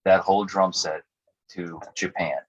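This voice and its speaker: A man being interviewed about his music career, telling stories in a casual, animated way and acting out the people he quotes. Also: low-pitched, moderate pace. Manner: animated storyteller acting out quotes, laughs often. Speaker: musician guest. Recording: dull lo-fi audio.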